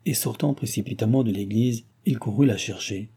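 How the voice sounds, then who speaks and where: A man narrating a classic novel in a steady, measured way. His voice is dark and husky, and sits somewhat low. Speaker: audiobook reader.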